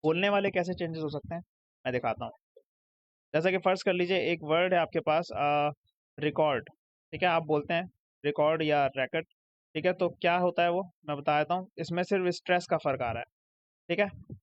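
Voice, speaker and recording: A young man with a Pakistani Urdu accent teaches an English lesson recorded over slides, speaking briskly in a fairly high voice. He walks through each point step by step and checks "ठीक है?" after every one. The recording is dry, dull and lo-fi, with no room sound.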